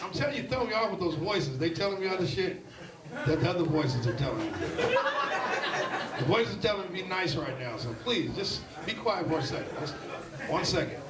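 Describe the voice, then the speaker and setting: Male stand-up comic, loud, crude, high voice, distant from mic, roomy club. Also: lively intonation, a little fast, very noisy. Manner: loud, crude, riffs with crowd. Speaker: stand-up comedian. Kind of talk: live stand-up set. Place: comedy club stage. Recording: roomy live club sound, mic off-axis. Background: loud crowd laughter.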